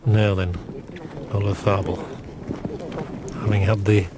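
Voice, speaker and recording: A man's voice: on the low side, flat delivery, slow. Musing male golf commentator over noisy ambience. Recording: noisy outdoor broadcast ambience.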